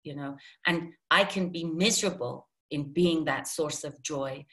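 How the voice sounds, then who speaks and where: Woman guest from Iran, lower register, animated, chatty. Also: a little slow. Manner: animated, self-deprecating, many restarts. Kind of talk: casual interview talk.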